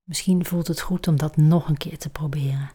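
A woman leading a guided relaxation exercise, speaking calmly and softly and often trailing into breathy near-whispers. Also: low voice, normal speed.

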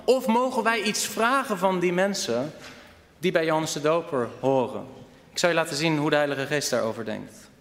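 A male preacher giving an animated sermon, questioning his congregation directly. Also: on the high side, moderate pace. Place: church hall. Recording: reverberant church hall.

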